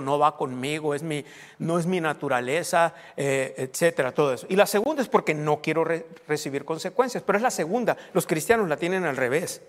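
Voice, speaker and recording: Male pastor, lively sermon, somewhat high voice, long hall reverb. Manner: animated preaching, mimics people praying and speaks in tongues.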